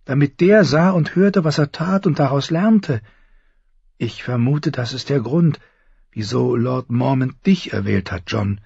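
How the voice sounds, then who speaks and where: A man's voice: medium pitch, lively intonation, a little slow, vocal fry, darkish tone, slightly rough, no room sound, voice pushed up, full character voice. A man playing an earnest, anxious young friend. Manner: eager, pleading, explanatory. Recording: slightly dull recording.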